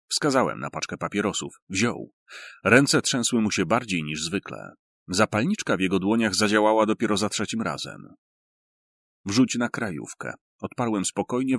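Gravelly male audiobook narrator. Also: lowish voice, a bit bright, dry recording, clean studio sound. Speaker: audiobook reader. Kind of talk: first-person audiobook narration.

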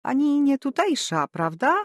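A woman reading an audiobook, voicing a curious, nosy middle-aged landlady in a raised, louder voice. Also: big pitch swings, a little slow, no echo, clean studio sound. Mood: prying. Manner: prying, high and loud.

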